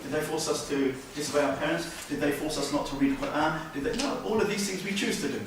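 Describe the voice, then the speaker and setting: In a very echoey mosque hall recorded from a distance, with background noise, a man speaks a little high and fast. An Islamic teacher, he lectures earnestly, with frequent restarts and questions to his audience.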